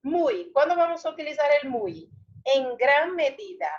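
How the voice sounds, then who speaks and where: High animated teacher lady doing an online class, dull lo-fi audio, lots of questions to the students. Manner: explains slowly with rhetorical questions. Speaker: Spanish teacher.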